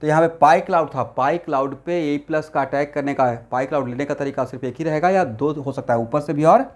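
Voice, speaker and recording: Male tutor, slightly high voice, classroom lecture, quizzes students. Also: fast. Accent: Assamese-influenced Hindi. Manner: mixes Hindi with English terms, asks class questions constantly. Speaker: chemistry teacher.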